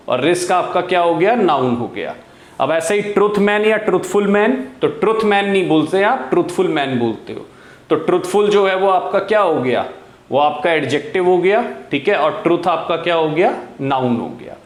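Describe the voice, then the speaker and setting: A man's voice: sits high, echoey room. A man teaching English grammar in Hindi, who keeps asking his students questions and answering them himself. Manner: asks questions then answers them himself, says "guys" often. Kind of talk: classroom grammar lesson in Hindi.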